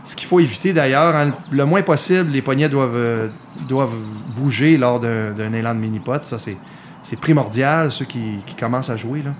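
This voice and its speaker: A man's voice: mid-range voice, moderate pace, a little hiss or hum. A man with a Quebec French accent giving live golf commentary on a mini-golf match, explaining the play to viewers.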